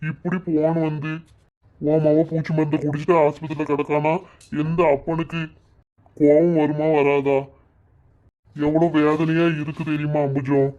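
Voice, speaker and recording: A man voicing a furious farmer father in a cartoon, shouting accusations in a Kanyakumari Tamil accent. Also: on the high side, lo-fi sound, natural voice. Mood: anguished. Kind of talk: cartoon voice acting.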